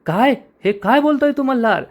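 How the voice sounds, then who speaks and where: A man's voice: high-pitched, fairly quick, lightly acted. A man reading the lines of a proud, scornful wealthy sister in a soap recap. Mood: angry.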